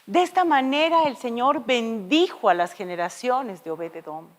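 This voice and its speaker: A woman preacher delivering a sermon, telling stories with dramatic shifts between loud and soft. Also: a little high, moderate pace, in a large hall. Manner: expressive storytelling with dramatic shifts in loudness. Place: church.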